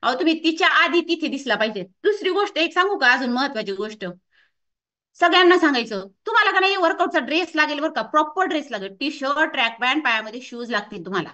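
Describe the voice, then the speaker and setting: A woman fitness coach lectures her associates in a lively, scolding way, breaking into the voices of clients making excuses. Her voice is high and bright. She sits a little away from the mic, and the recording is dull and lo-fi. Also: fast, recorded from a distance. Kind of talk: motivational workshop talk.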